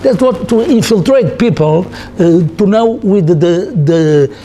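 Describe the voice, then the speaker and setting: High-pitched man with Angolan Portuguese accent. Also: animated, dark tone, a little hiss or hum. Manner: halting, repetitive, searching for words in non-native English. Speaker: interviewee, former soldier. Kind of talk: personal recollection in an interview.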